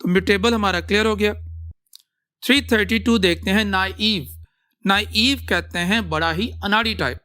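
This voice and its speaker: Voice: mid-range voice, normal speed, pushed and bright. Patient Pakistani-accented vocabulary teacher. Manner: asks students questions and answers them, breaks words into roots. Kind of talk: classroom vocabulary lecture.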